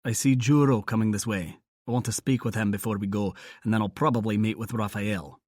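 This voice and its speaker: Man playing a Scottish vampire warrior, wry, low, dry close sound. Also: fairly even intonation, brisk, darkish tone, no room sound, natural voice. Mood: brisk.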